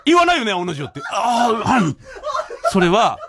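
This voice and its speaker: A man's voice: sits high, big pitch swings, moderate pace, noisy background. A man in his forties, a storyteller hosting a listener show, ranting with laughing mock indignation in casual chat. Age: 40s.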